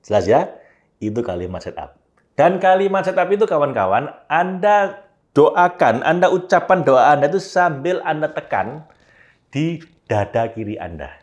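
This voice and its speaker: A man teaching a self-help prayer technique, speaking to listeners directly and dropping to a soft, slow murmur when reciting example prayers. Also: a little high, very animated, dull audio. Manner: addresses listeners directly, demonstrating steps. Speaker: instructor.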